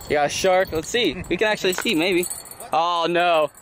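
A young man hosting a casual fishing vlog outdoors on a bridge, narrating to a handheld camera with excited, upbeat energy. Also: high-pitched, normal speed. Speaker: vlog host. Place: outdoors on a bridge over water. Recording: noisy outdoor camera audio.

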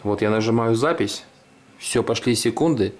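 Male video host, a little on the low side, informal hands-on tutorial narration. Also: moderate pace. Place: indoors at a desk.

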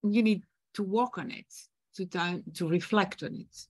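A woman from France with a French accent, a leadership coach answering interview questions thoughtfully with frequent pauses. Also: mid-range voice, a little mellow, no room sound. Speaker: guest, executive leadership coach. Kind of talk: podcast interview.

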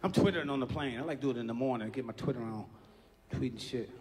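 A man doing a loud, profane stand-up comedy set, acting out voices as he tells stories. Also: mid-range voice, fast talker. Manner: brash, profane, loud storytelling with acted-out voices. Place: comedy club stage before a laughing audience. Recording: live show, loud crowd laughter and noise.

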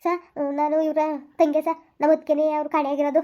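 A woman playing a gentle village sister who comforts her grieving brother in a village drama. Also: high voice, monotone, quick pace, natural voice. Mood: sorrowful. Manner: soothing, sorrowful.

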